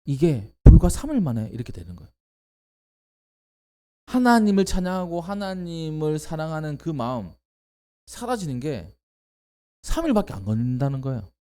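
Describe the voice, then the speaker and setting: A male pastor preaching a sermon with a very lively, animated pitch. His tone is dark and mellow, and he stresses points with sudden rising exclamations. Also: normal speed, long pauses.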